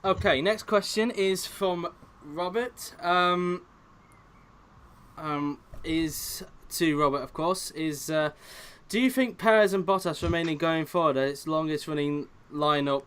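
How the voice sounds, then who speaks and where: A man's voice: on the high side, unhurried, a bit bright, clean tone. A man hosting an online racing league press conference, reading out questions with lots of fillers. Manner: reads out chat questions, hesitant fillers. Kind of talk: casual online league chat.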